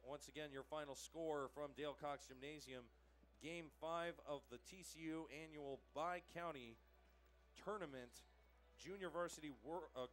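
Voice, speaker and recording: A young man announcing a high school basketball broadcast from a school gym, delivering polished sign-offs and score recaps with occasional self-corrections. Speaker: play-by-play announcer. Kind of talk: local sports broadcast commentary. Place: school gymnasium broadcast table.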